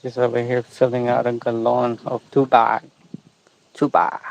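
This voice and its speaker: A man's voice: mid-range voice, monotone, moderate pace, gravelly, a little mellow, a little hiss or hum, low-quality recording. A man vlogging casually and off the cuff outdoors at a roadside, with a laid-back, informal way of talking. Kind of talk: casual off-the-cuff vlog chat.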